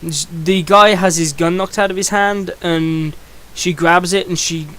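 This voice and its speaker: With a measured pace and fairly even intonation, a young man rambles through a comic book review, repeatedly starting his sentences over. His voice is smooth, clear, a bit bright, and slightly high for a man.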